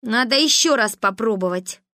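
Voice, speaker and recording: A woman voicing a brash, reckless girl who yells defiantly. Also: a little high, lively intonation, dry recording, studio quality. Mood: eager. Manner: yelling, rapid and defiant.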